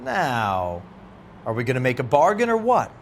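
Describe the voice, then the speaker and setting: An actor playing a defiant 1940s criminal who taunts and bargains in a crime video game. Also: male voice, medium pitch, huge pitch swings, normal speed, slight background noise. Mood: defiant taunting. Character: defiant taunting 1940s American male crook at gunpoint.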